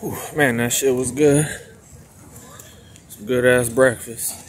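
A man's voice: mid-range voice, fairly even intonation, takes it slowly. A man in his twenties chatting casually and swearing a little as he vlogs from a phone held at arm's length. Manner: laid-back, casual with mild swearing. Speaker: vlogger selling at a flea market. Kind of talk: casual vlog chat.

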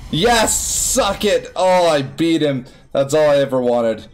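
A young man giving casual, excitable commentary while playing a video game, yelping and squealing at his wins. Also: a little high, slow pace, a little hiss or hum. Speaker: gaming YouTuber. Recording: faint music behind.

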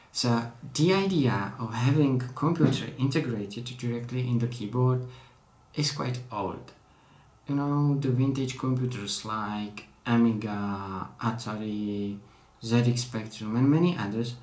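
Here a young man from the Czech Republic walks through his hobby build in a relaxed tech demo, indoors at a desk in a small room at home. His English is careful and Czech-accented, his mid-range voice dark-toned and measured in pace, and the sound has a roomy quality.

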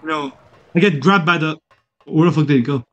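A man's voice: on the high side, brisk, a bit bright. A man in casual gaming chat, teasing his friends with crude banter. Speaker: gamer.

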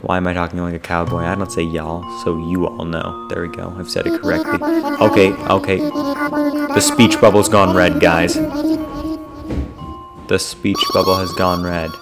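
A man chats casually through his gameplay, rambling with lots of ums and talking straight to his viewers. His voice sits very low, and loud game music plays underneath. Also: sing-song, moderate pace, pauses often. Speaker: gameplay vlogger.

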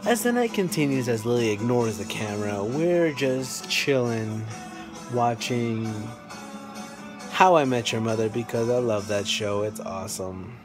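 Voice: medium pitch, animated, a little slow, music in the background. Playful parent cooing at a baby. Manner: playful sing-song baby talk with whispered asides. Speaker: parent vlogging at home with their baby. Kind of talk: casual home vlog. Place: home living room.

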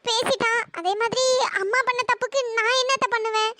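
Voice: extremely high pitch, steady tone, a little fast, pushed and bright, slight background noise. A performer voicing a polite, apologetic young woman in a cartoon, pleading to be heard. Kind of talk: pitched-up cartoon voice acting.

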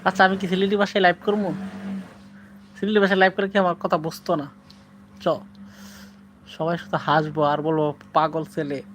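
Streamer type: high-pitched man, chatty, fields viewer comments live, faint hum behind. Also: flat delivery, moderate pace, pauses often, a bit bright. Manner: playfully slips into dialect phrases. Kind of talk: casual live-stream chat.

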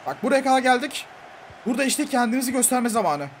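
Young man, very high voice, excitable gameplay commentary, faint noise behind. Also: fast. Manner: excitable, pleads with the coach, shouts at the referee. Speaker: gaming YouTuber.

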